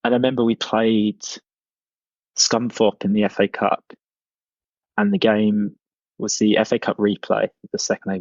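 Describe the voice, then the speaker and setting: A man's voice: on the low side, gravelly, no echo. Hesitant man on a dull lo-fi recording. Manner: halting, hesitant with many restarts. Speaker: interviewee, former fan columnist. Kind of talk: recorded interview recollection.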